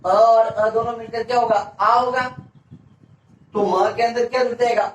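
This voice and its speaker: A high-pitched male teacher walks through a grammar lesson, asking a question and then giving the answer himself, repeating it for emphasis. His voice sits back from the mic in an echoey room, with a faint hiss underneath. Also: fairly even intonation, moderate pace, far from the mic. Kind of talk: classroom-style grammar lesson.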